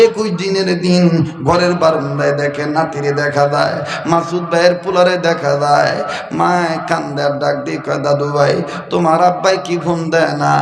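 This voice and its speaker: A male preacher, telling a story in a melodic, sing-song sermon voice that climbs into high emotional cries. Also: creaky, roomy sound. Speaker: Islamic preacher. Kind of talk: Bengali waz sermon with storytelling.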